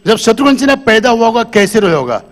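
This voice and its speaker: A man's voice: extremely high pitch, very animated, fast. A man doing live stand-up comedy on a stage, talking to the audience into a handheld microphone and quizzing them.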